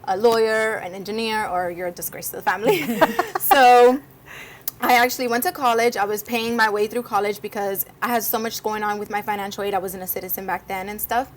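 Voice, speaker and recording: A woman's voice: mid-range voice, a little fast. A woman in her twenties, born in Cuba and raised in Miami, chatting as a guest on a talk show and acting out the quotes in her stories. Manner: lively, animated storyteller, acts out quotes. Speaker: guest co-host, social media influencer. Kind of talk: casual talk-show chat.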